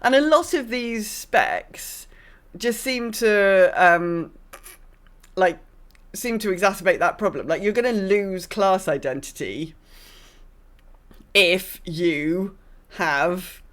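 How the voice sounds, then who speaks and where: In a casual gaming discussion, a woman co-hosting a podcast shares opinions and thinks aloud, often repeating words for emphasis. She speaks slowly in a mid-range voice and pauses often.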